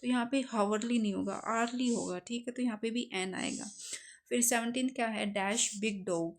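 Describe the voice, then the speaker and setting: A woman with a Hindi accent teaching an English grammar lesson for exam preparation. She asks her class questions and answers them herself. She slows right down to read out each example sentence. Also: on the high side. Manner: reads example sentences slowly.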